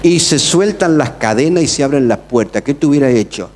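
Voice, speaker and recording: A man with an Argentine Spanish accent, a pastor preaching a sermon with dramatic swings between loud calls and quiet asides. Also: medium pitch, animated, fairly quick, long reverb tail. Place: large church hall.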